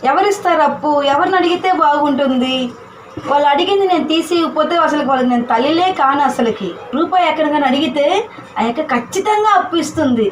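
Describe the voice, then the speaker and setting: Woman doing a worn-out mom, very high voice, echoey room with music behind. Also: lively intonation, quick pace, a little hiss or hum. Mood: worried. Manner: pleading, emotional. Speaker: mother. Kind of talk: amateur film drama.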